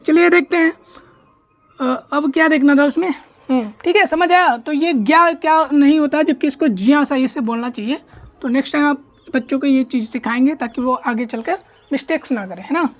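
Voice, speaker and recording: A woman teaching an online grammar class, explaining step by step, drilling pronunciation slowly and often checking that students follow. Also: high-pitched. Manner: slow, deliberate pronunciation drills.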